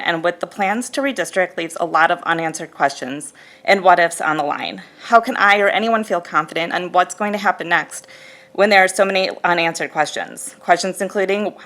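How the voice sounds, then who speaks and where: A woman's voice: mid-range voice, fairly quick, a bit bright. A woman reading her prepared remarks steadily during public comment at a school board meeting.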